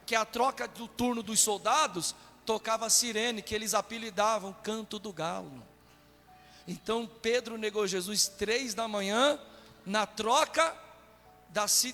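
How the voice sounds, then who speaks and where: A man from Brazil, a pastor preaching a sermon with animated delivery, acting out quotes in a raised voice. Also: very high-pitched. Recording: long hall reverb with faint music.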